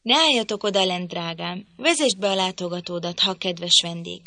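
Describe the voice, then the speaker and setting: A stiff gentleman, the master of the house, peevish and grudging, voiced by a woman reading aloud. The voice is bright and clear. It is recorded close to the mic in a dry space. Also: mid-range voice, no room sound. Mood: cool. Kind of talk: audiobook reading.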